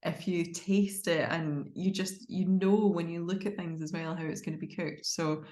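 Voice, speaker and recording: A woman's voice: on the low side, fairly even intonation, moderate pace, a little mellow, echoey room. A woman with a Glaswegian Scottish accent chatting enthusiastically and expressively as an interview guest. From Glasgow, Scotland. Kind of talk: casual conversational interview.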